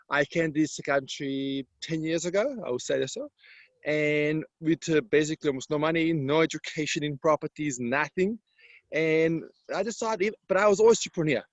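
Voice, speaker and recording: A Serbian-accented man answers interview questions in imperfect English, projecting the confidence of a property mentor delivering a sales pitch. His voice sits on the high side, and there is no room sound.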